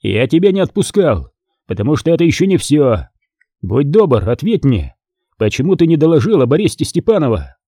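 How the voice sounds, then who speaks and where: A man reading an audiobook, voicing a furious, foul-mouthed middle-aged army battalion commander who shouts and bullies. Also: fairly high pitch, sing-song, moderate pace, slightly rough, no room sound, studio quality, voice pushed up, full character voice. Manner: shouting, swearing, bullying.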